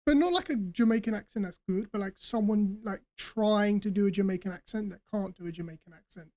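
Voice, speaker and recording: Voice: medium pitch, brisk, a little mellow. Streamer, casual gameplay chatter, rambling, laughs a lot.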